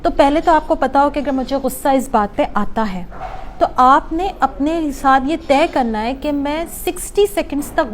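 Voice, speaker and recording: High-voiced woman giving a workshop. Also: slight background noise. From Pakistan. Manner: explains patiently, mixes English words into Urdu, takes audience questions. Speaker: psychologist leading a workshop. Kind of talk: conversational workshop talk to an audience. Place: club hall with live audience.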